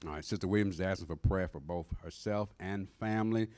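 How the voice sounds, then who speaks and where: A middle-aged man with a low voice teaches a Bible class from the front of a church sanctuary. He talks emphatically and keeps tossing questions to his listeners. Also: fast talker, a little mellow. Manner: emphatic, call-and-response questions. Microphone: standing in front of a mic stand.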